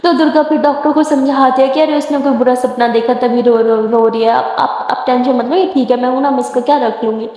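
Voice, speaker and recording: A woman a high voice narrates a romance story in a loose, chatty way, slipping straight into the characters' dialogue and repeating as she talks. Her voice rings out in a very echoey room a long reverb tail. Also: fairly even intonation, few pauses, mellow. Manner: casual, slips into dialogue, repeats words.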